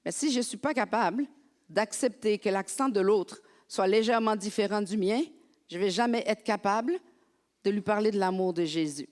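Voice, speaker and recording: A woman from France preaching a lively, conversational sermon as a pastor in a church. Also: medium pitch, normal speed. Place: church sanctuary. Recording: long hall reverb.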